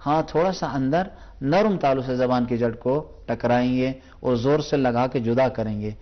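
With lo-fi sound, a medium-pitched man teaches Quran recitation on a televised program, explaining pronunciation with patience and slowly repeating each sound as a demonstration.

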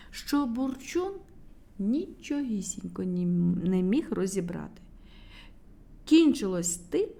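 A woman storyteller reading a children's tale aloud in a lively, dramatic way. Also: a little high.

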